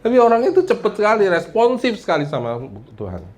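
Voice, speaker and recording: A man preaching a sermon as pastor, lively and joking, acting out the prayers he quotes and often addressing his listeners directly. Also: sits high, fast.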